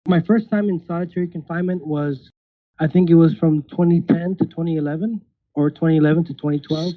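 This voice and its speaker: On a call that sounds tinny and phone-like, a podcast guest in his thirties speaks fast in a steady, highish voice with no echo. It's a casual interview, full of hesitant restarts and nervous laughter.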